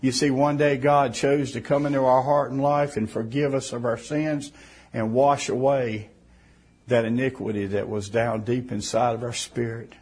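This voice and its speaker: A man preaching a sermon in a fervent way, rising to emphatic bursts and then dropping soft. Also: mid-range voice, fairly even intonation, moderate pace, husky.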